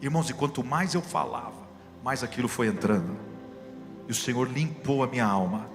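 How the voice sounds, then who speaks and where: A man's voice: medium pitch, normal speed, vocal fry, in a large hall, music in the background. A middle-aged Brazilian man preaching a sermon in church, telling stories with acted quotes and building to fervent calls. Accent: Brazilian Portuguese. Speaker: pastor. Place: church hall.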